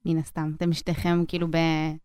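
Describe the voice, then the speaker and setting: Low-pitched young Israeli woman interviewer. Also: monotone, darkish tone, clean tone. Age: young adult. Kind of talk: casual conversational interview.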